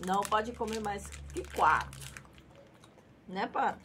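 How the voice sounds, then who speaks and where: Her voice is mid-range and sharp in tone, her pace slow: a middle-aged Brazilian woman reviewing pet products for her vlog. She keeps it cutesy and playful with scattered Japanese catchphrases, outdoors on a small tiled patio or yard where ambient noise comes through clearly.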